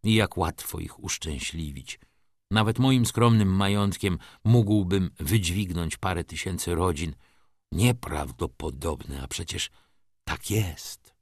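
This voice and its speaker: A man voicing a reserved, wealthy middle-aged merchant who speaks tersely and calmly in a storybook reading. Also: low voice, takes it slowly, dry recording, studio quality, heavily acted. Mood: brooding. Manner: terse, calm, commanding.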